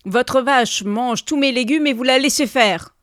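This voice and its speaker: A woman's voice: sits high, measured pace, dry recording, clean studio sound, pitched above the performer's own voice. A woman doing a sly neighbor faking fury. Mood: mock-furious. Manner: mock-outraged, shouting.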